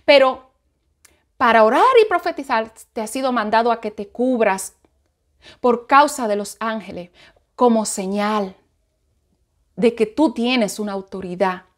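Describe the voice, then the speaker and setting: A woman giving spoken Bible teaching, repeating her points emphatically with many restarts. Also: a little high. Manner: repetitive, emphatic preaching with restarts.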